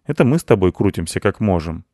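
A cocky red village tomcat from a children's storybook, as a man puts him on, loud and pushy. He brags in rough, folksy speech about his mouse hunting. Dry, close sound. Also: sits low, expressive, quick pace, dry recording. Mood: boastful.

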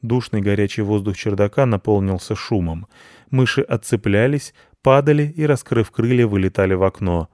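A man narrating a children's storybook in a lively, explanatory way. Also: fairly low pitch, normal speed, dry recording, clean studio sound. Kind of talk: storybook reading.

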